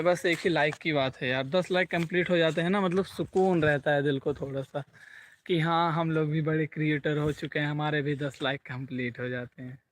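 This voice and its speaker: High bright young man live-streaming. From Sultanpur region, Uttar Pradesh. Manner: chatty, keeps adding "okay" and repeating himself. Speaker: vlogger hosting a live stream. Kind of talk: casual live-stream chat to viewers. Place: outdoors by a lake. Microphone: phone mic, no separate microphone.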